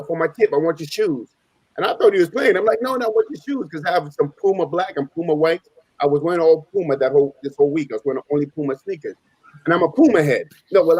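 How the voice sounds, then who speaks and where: A native Spanish-speaking man on a live open panel talks very quickly in a fairly high, darkish voice with a breathy edge, telling animated stories in loose, informal street slang. He repeats phrases for emphasis and acts out both sides of conversations, captured in a dry, close, rough recording.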